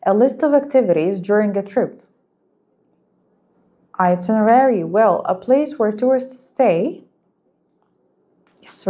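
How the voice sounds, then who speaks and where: A woman's voice: medium pitch, dark tone. Patient woman teaching English. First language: Arabic. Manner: patient, encouraging, slow and clear, explains in Arabic too. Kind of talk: English lesson for learners.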